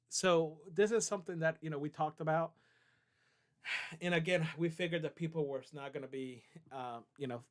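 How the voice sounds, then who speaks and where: A man hosting a live stream, answering viewers' chat questions in a loose, conversational way, often checking in with "right?" and "okay?". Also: fairly high pitch. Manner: loose, with many fillers and restarts. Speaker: trading company CEO hosting a live stream.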